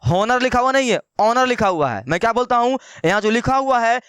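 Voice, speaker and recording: Brief: male tutor, high and smooth voice, dry close sound, asks his own questions and repeats points. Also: expressive, fairly bright tone, no echo. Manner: slows down to dictate notes. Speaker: English teacher. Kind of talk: online grammar lesson.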